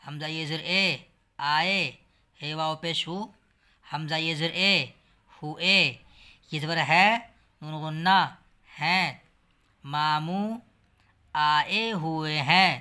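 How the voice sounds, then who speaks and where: A man's voice: on the high side, steady tone, extremely slow, pauses often, sharp tone, clear, resonant tone. A man teaching a reading lesson, with an Urdu accent, spelling out each word letter by letter and vowel sign before reading it whole. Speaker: language teacher.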